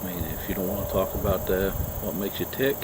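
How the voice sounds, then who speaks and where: A man chatting casually and haltingly through a cigar review, rambling from one thought to the next. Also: fairly even intonation. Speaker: cigar review vlog host. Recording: noisy low-quality mic, outdoor insects and traffic.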